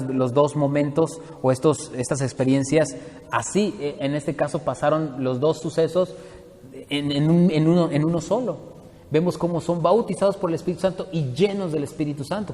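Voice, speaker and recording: A man's voice: fairly high pitch, darkish tone, long reverb tail. A man from Mexico, teaching a Bible study to his congregation in a conversational way and often asking them questions.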